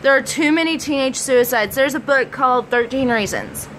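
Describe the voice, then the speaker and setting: High-voiced preppy American woman vlogging. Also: normal speed, fairly bright tone. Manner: preppy-sounding, blunt, sweary. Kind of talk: casual personal vlog talk. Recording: faint background noise.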